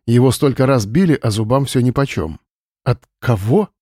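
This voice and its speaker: A man narrating an audiobook in an even, measured reading style on a close mic. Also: medium pitch, no room sound. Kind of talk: scripted narration.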